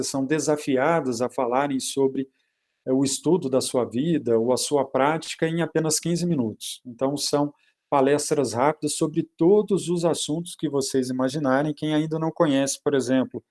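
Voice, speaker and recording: A man from Brazil lecturing by video call on public speaking, asking and answering his own questions, often dropping his voice to quiet asides and filling pauses with "né". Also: medium pitch. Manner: varies loudness, often drops to quiet asides; frequent fillers like "né" and "é". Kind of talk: online talk by video call.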